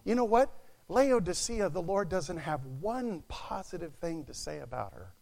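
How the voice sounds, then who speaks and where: Male preacher, high voice, lively swooping pitch, sermon, quiet asides and loud outbursts. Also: normal speed, vocal fry. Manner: animated, swings from quiet asides to shouted exclamations.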